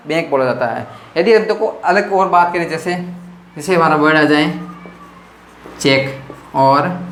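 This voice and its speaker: A high-pitched man leads an exam-prep vocabulary lesson, quizzing his audience and answering himself over and over. His voice rings around an echoey room with faint noise underneath. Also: fairly bright tone. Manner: repetitive question-and-answer teaching, addressing viewers as friends. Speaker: teacher.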